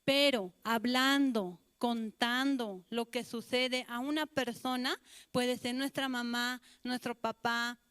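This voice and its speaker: High-voiced woman telling children a story. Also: steady tone, slow pace, fairly bright tone, smooth, no room sound, studio quality. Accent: Bolivian Spanish. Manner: addresses children directly with questions. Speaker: children's church teacher.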